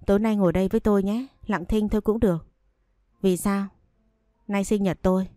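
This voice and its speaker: A woman voicing a stern, blunt grown man in a spoken story, firm and measured. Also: medium pitch, steady tone, mellow, no echo, clean studio sound, natural voice. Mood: gentle.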